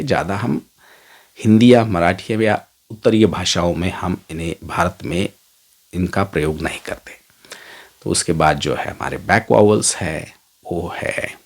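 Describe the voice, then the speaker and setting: A middle-aged man teaching a phonetics lesson, drawing out each vowel sound slowly as he models it. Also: sits low. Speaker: English teacher.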